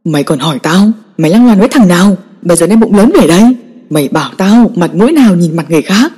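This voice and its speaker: A woman voicing a furious, domineering old father who shouts harsh commands at his daughter. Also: mid-range voice, animated, fast talker, husky. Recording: long echoing reverb.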